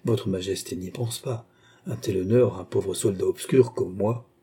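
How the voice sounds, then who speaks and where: A grave, modest young soldier, as a male reader plays him, speaking in a restrained, earnest way. The voice is very dark and mellow, with a husky edge. It sounds like a scene from a classic novel read aloud. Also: lowish voice, normal speed. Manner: restrained, serious.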